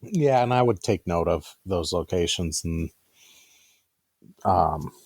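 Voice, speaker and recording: A relaxed man plays a tabletop game over a call and laughs easily. His voice is very deep and gravelly, with a husky edge, and the sound is dry and close. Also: takes it slowly, no echo. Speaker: player. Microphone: remote call microphone.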